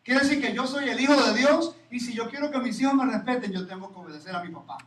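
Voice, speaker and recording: High-voiced man preaching in an echoey hall. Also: fast. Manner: animated, rhetorical questions to the audience. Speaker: Torah teacher. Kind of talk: sermon. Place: congregation hall. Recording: echoey hall, mic from far off.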